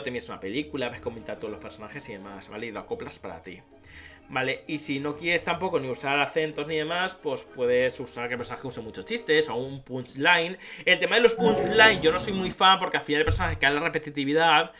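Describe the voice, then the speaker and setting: A man's voice: a little high, sharp tone. A man giving casual advice on writing dialogue, chatty and informal, often checking in with "¿vale?". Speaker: YouTube writing-advice creator. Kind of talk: casual tutorial talk.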